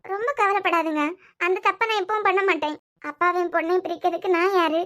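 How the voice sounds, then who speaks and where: A woman voicing a tearful, high-pitched young wife. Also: fairly even intonation, fast talker, pushed and bright. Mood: bitter. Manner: tearful, accusing, bitter. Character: hurt young wife confronting her husband. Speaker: wife in a cartoon serial. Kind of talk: cartoon serial voice acting.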